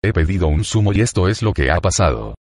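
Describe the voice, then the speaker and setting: A man narrating a first-person book in a colloquial, swearing manner. His voice is very deep and somewhat husky, moving with lively intonation, in a dry, close recording. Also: quick pace, no echo. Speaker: audiobook reader.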